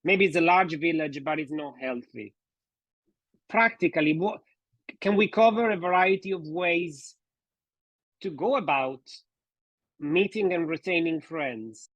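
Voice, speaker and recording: A man hosting a podcast who asks clarifying questions in a polite, measured way. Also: on the high side, fairly bright tone, no echo, muffled recording. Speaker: podcast host, couples therapist.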